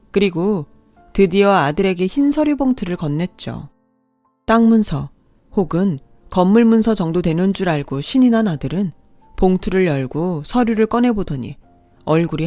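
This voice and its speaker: A woman's voice: fairly low pitch, a little mellow, dry recording. A woman in her sixties narrating a radio drama in the first person, in a confiding and emotional way.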